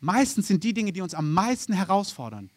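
A man's voice: high voice, sing-song, fairly quick, no echo. A man preaching a sermon, moving between Bible reading and acted inner voices of everyday people.

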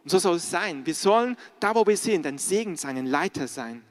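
A man's voice: high-pitched, animated, fairly quick. A middle-aged man preaching a sermon as pastor, earnestly putting direct questions to the congregation.

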